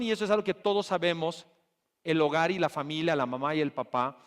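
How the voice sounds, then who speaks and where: A man from Bolivia giving a motivational keynote talk at a business conference, telling stories and putting rhetorical questions to the audience. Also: fairly high pitch. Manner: lively storytelling, addressing the audience with rhetorical questions. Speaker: conference speaker. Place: conference hall.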